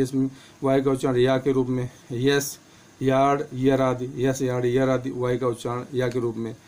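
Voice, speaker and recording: A man's voice: mid-range voice, a little mellow. A man teaching English pronunciation and spelling, listing words one by one with their meanings. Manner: slow, patient, lists words with meanings.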